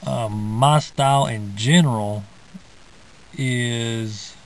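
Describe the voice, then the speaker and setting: A man's voice: medium pitch, drawn-out words, slight background noise, rough recording. A young man vlogging from inside a parked car, rambling casually with lots of fillers and restarts, recorded on a camera held at arm's length. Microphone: phone or camera held at arm's length.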